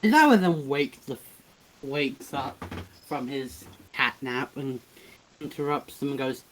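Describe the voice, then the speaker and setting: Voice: medium pitch, expressive, a little slow, a bit bright, a little hiss or hum, poor audio. A person casually narrating a fan-fiction story over a voice call, joking and restarting phrases. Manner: joking, loose, trailing restarts.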